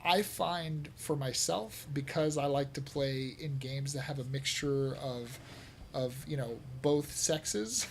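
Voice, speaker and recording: A man's voice: fairly high pitch, creaky, slight background noise. A man hosting a casual gaming podcast, talking in long rambling stretches with plenty of fillers and laughter. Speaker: podcast host. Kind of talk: casual chat.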